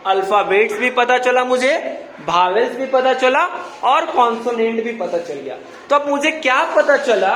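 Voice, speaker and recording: A man's voice: very high-pitched, a bit bright. Man quizzing a class in an echoey room. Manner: quizzing, repeats questions, mildly scolding. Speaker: teacher. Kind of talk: classroom English grammar lesson. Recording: echoey classroom with background noise.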